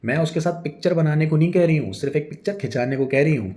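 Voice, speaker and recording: A man doing a shrill, furious housewife. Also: quick pace, lightly acted. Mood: indignant. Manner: loud, shrill scolding complaints. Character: angry nagging middle-aged housewife.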